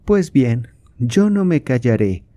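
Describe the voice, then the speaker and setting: A man's voice: mid-range voice, big pitch swings, takes it slowly, warm tone, dry recording, voice pushed up. A man reading aloud, voicing a proud and indignant queen with a raised, fervent, declamatory delivery.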